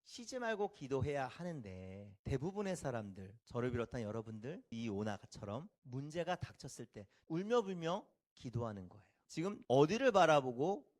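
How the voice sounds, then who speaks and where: A man's voice: sing-song, normal speed, hardly any pauses. A male pastor giving a Sunday sermon, asking the congregation questions and acting out pleading prayers. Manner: acts out Jonah's pleas in a rising voice, then drops low.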